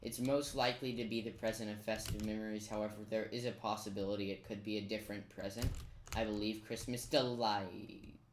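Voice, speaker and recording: Speaking in a level, middle-pitched tone and a little fast, a chatty commentator gives casual gameplay tutorial commentary, thinking aloud and making fun of themselves. Keyboard typing, clicks, and faint noise can be heard in the echoey, roomy space where they sit at a computer.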